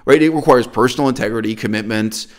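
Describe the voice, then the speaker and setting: A middle-aged man from Canada, hosting an opinionated discussion in an animated, emphatic and critical way. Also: mid-range voice, fast talker. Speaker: host.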